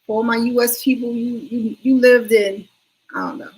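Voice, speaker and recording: A woman's voice: a little high, flat delivery, normal speed, darkish tone, rough recording. Chatty woman rambling on a livestream. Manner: rambling, chatty, addresses viewers directly. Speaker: livestream host. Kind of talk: casual livestream chat.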